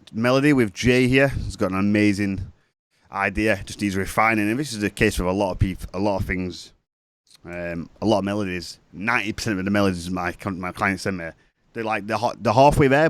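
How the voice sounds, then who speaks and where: Working at his computer, a man with a cold gives a laid-back screen-share tutorial on music production, chatty, rambling and self-correcting, with the odd sniffle. His lowish voice moves a little fast, and the recording is dry.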